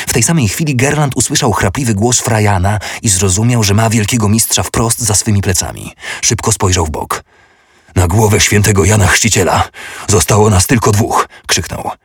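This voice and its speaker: A man narrating an audiobook in a steady, measured way. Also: on the low side, husky, no room sound, clean studio sound.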